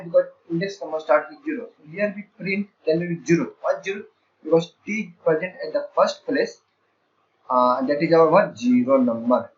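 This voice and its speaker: A man gives a coding lesson, explaining each step and counting positions out loud with many fillers and self-corrections. His voice sits high. The recording is dull and lo-fi. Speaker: programming teacher. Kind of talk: screen-share coding lecture. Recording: dull lo-fi sound.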